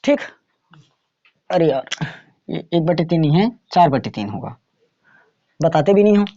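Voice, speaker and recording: A man's voice: a little high, sing-song, unhurried, dark tone, highs cut off. A man teaching a maths lesson to students in a classroom, in a casual way, often checking whether they have understood.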